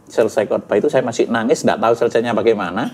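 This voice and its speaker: A man's voice: lowish voice, rapid-fire, darkish tone, husky. Earnest middle-aged man. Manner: earnest storytelling, sprinkled with Javanese words. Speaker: guest giving a testimony. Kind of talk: emotional personal testimony interview.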